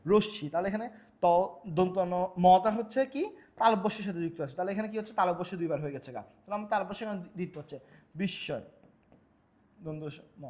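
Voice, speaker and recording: A man's voice: high voice, fast talker, a little mellow. A young man teaching a grammar lesson over slides, asking himself questions and repeating each rule. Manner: repetitive, quizzing himself with rhetorical questions. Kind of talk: exam-prep lecture over slides.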